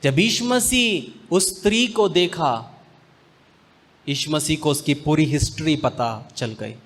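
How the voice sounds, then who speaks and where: A man preaches a sermon. His voice sits a little high, and he moves at a slow, deliberate pace. He leans on weighty pauses and mixes in English phrases. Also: animated, a bit bright. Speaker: pastor.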